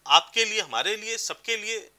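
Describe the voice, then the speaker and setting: A man's voice: sits high, lively intonation, normal speed, sharp tone. A man giving advice as a career counselor on a TV talk show, explaining with examples. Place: TV studio.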